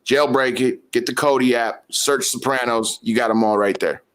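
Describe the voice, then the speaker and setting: A man's voice: mid-range voice, steady tone, moderate pace, fairly bright tone, slight background noise. A man hosting a casual podcast chat, rambling with many fillers and hyping the show. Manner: rambling, lots of fillers, hyped. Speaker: podcast host.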